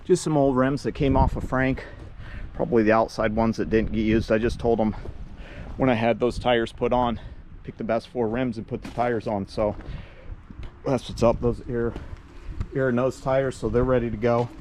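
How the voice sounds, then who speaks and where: Laid-back rambling man, flat voice. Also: medium pitch, moderate pace, slight background noise. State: a little out of breath at times. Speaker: vlogger working on his trucks. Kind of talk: casual self-filmed narration. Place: outdoors by a truck.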